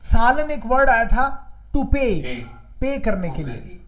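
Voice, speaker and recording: A man from India leads an online German lesson at an unhurried pace. He repeats each word and explains it in Hindi mixed with English. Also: very high-pitched, very animated, fairly bright tone, poor audio. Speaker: German teacher. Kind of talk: online language class.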